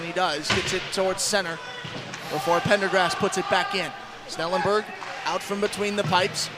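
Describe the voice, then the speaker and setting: An American man with a high-pitched voice calls live play-by-play of a hockey game on radio, describing the action in a descriptive announcer's style from the ice rink. Loud music plays behind his commentary, and the background is noisy.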